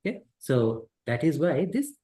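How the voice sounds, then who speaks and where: A middle-aged man with a slightly high, warm voice speaks very animatedly at a moderate pace. Wearing a headset microphone, he teaches an interactive scripture class, explaining step by step, reiterating points and putting questions to his students.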